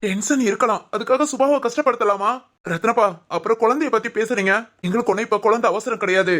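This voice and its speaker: A woman voicing a young husband who firmly defends his wife in an animated family drama. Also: on the high side, fast, lightly acted. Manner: firm, pleading.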